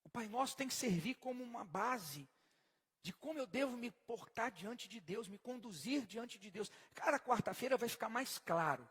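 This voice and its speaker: A man preaching a sermon emphatically, swinging from soft to loud and putting questions to his congregation. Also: very high-pitched, husky. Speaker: pastor. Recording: long hall reverb.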